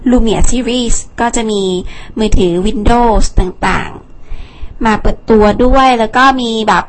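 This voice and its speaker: A woman's voice: a little high, slow pace. A young woman hosting a casual phone rundown, chatty, with fillers and asides. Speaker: tech show host.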